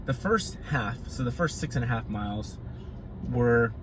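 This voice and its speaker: A man's voice: mid-range voice, expressive, measured pace. A man giving a casual, rambling vlog monologue in a conversational way. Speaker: vlogger training for a marathon. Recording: loud vehicle and outdoor ambient noise.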